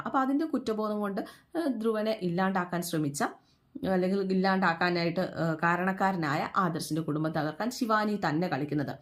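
A woman retells a TV serial's episode in a loose, chatty way. She keeps asking her listeners questions and slips into the characters' lines, and her voice sits at an ordinary middle pitch. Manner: chatty, with many fillers, asks listeners questions, acts out quoted dialogue. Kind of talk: casual spoken recap of a TV serial.

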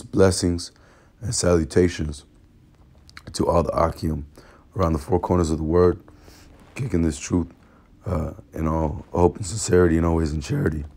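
An ill teacher gives a casual bible lesson recorded on a phone's screen capture, his very deep voice a little mellow but raspy and hoarse from a cold. Reading verses aloud, he speaks haltingly, repeating words and leaning on fillers.

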